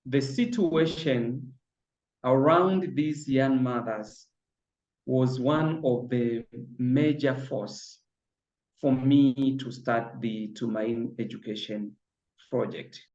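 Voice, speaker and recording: A middle-aged man, a school founder speaking in a measured, earnest way with frequent pauses. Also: medium pitch. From Tanzania. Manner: measured and earnest, pausing often on fillers. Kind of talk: reflective interview testimony. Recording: roomy, slightly dull with soft music.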